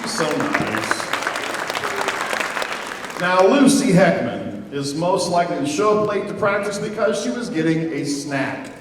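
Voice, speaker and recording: A man's voice: high-pitched, lively intonation, measured pace, background noise. A man, a school band director, announcing students at a concert in a teasing, joking way. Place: large indoor hall with an audience. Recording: echoey hall, distant mic, loud crowd.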